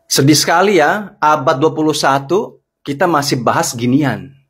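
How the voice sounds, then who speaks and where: Husky middle-aged man, slightly higher voice, sarcastic and indignant rant to camera. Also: normal speed, a bit bright. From Indonesia. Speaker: social media commentator. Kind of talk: heated monologue rebuttal.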